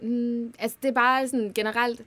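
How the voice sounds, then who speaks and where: A woman's voice: on the high side, little pitch movement, fairly bright tone. A woman guest, a former dating show contestant, chatting casually with many fillers. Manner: chatty, lots of fillers and laughs. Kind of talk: casual chat.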